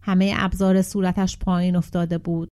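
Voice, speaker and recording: A woman's voice: lowish voice, little pitch movement, dark tone. A woman narrating a short story as an audiobook, reading steadily and shifting her tone for the characters' quoted lines. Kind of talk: audiobook narration with voiced dialogue.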